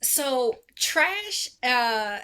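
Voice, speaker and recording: A woman speaking as a podcast guest, an animated storyteller who acts out quotes from her own life. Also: high voice, drawn-out words, clear, resonant tone. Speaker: podcast guest, maternal wellness advocate. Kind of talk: casual podcast interview.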